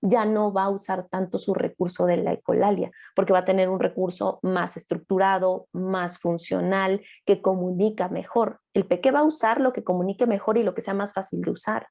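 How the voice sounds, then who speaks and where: A woman's voice: mid-range voice, steady tone, moderate pace, gravelly, few pauses, a little mellow. A young adult woman therapist giving an online master class, explaining patiently and acting out short lines of children and parents.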